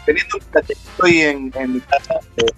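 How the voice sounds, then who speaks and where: A man's voice: mid-range voice, fairly quick, sharp tone, faint music behind. A man, a radio co-host calling in from home over a broken connection that drops out and lags, sounding flustered and apologetic. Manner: flustered, apologetic about the bad line. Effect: broken remote call audio, dropping out and lagging. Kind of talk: casual chat. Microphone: phone held close to the face.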